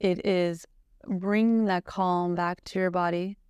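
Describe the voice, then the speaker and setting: A woman's voice: fairly low pitch, steady tone, a little slow, a little mellow, clean tone, no room sound, studio quality. A woman guest on a podcast, earnestly telling a personal story with lots of "like" and "you know". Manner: earnest, searching, heavy use of "like" and "you know".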